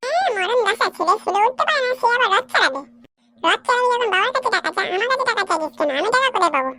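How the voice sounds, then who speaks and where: A very high, bright, piercing voice for a nagging cartoon mother, put on by a woman. She snaps out her scolding at a quick clip. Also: big pitch swings, a little hiss or hum, full character voice. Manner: nagging, sharp.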